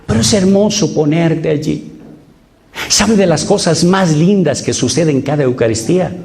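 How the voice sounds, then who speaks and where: A man's voice: a little high, moderate pace, gravelly, darkish tone, slight background noise. A middle-aged man preaching as a priest, emphatic, repeating phrases and putting questions to the congregation. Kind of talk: sermon.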